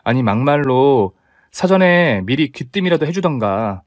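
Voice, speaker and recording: A man voicing a sharp, indignant young woman who scolds her fiancé in a storybook tale. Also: mid-range voice, big pitch swings, unhurried, no echo, studio quality. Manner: scolding, demanding.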